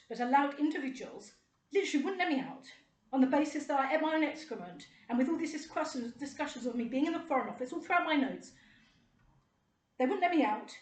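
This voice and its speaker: A middle-aged woman talks straight to camera in a high voice. Her delivery is indignant and rambling, with a sarcastic edge. The recording carries a roomy echo. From United Kingdom. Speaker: vlogger. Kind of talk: personal monologue to camera.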